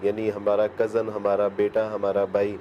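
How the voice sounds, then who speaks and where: A man from Pakistan, a guest in an interview, who chimes in to finish sentences and pauses with fillers. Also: on the low side, completely flat delivery, lo-fi sound, slight background noise. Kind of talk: interview conversation.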